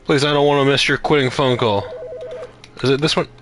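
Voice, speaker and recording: A man's voice: mid-range voice, fairly even intonation, brisk, over music. A man doing casual gameplay commentary, talking to himself and to the game as he plays. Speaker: gamer.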